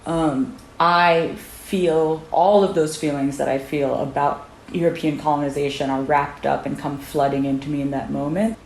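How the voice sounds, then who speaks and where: A woman from Sri Lanka speaks earnestly and with personal emphasis, her voice set very low. The recording carries a roomy echo and faint background hiss. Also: steady tone, moderate pace, creaky, few pauses. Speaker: interviewee, doctor. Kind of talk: interview.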